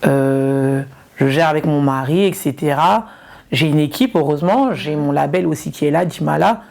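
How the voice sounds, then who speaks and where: A woman's voice: low voice, normal speed, vocal fry, darkish tone. A woman from Ivory Coast, a comedian and influencer, chatting casually in an interview and repeating words for emphasis.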